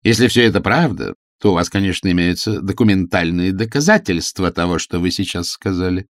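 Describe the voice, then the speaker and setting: A man's voice: low-pitched, fairly quick, no echo, studio quality. A man voicing a pompous young male invalid who speaks in a stiff, formal manner. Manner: formal, stilted, condescending.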